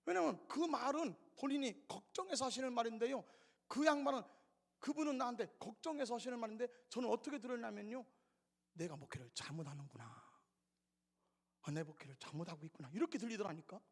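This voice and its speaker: A male pastor preaching an expository sermon, acting out quoted voices, swinging between shouts and whispers. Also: extremely high pitch, lively intonation, brisk, vocal fry. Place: church sanctuary. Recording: reverberant church sanctuary.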